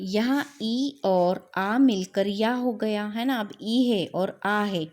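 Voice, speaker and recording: A woman's voice: mid-range voice, darkish tone. A woman teaching grammar in a classroom-style lesson, repeating each point and asking questions she then answers, with English words mixed in. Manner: mixes English words into Hindi.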